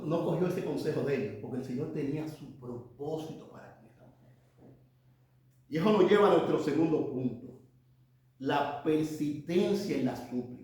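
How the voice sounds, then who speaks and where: A man preaching a sermon as pastor, swinging between loud emphatic cries and quiet, dropped asides. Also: fairly high pitch. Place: church hall. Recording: echoey church room from off-mic.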